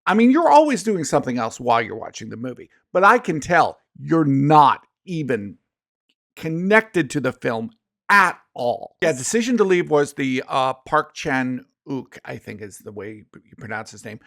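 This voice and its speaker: Man, podcast co-host, casual chat, emphatic, animated pitch. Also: normal speed, creaky.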